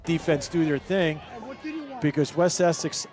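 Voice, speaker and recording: A man calling live American football play-by-play, his voice climbing and shouting into excited touchdown calls as plays break open. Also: a little high, a little slow, crowd noise.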